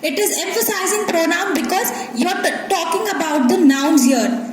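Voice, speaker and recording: A woman with an Indian English accent teaching a grammar lesson to schoolchildren, explaining step by step and often checking "Clear?". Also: very high-pitched, lively intonation, normal speed. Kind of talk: recorded classroom grammar lesson. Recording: echoey room with faint ambient noise.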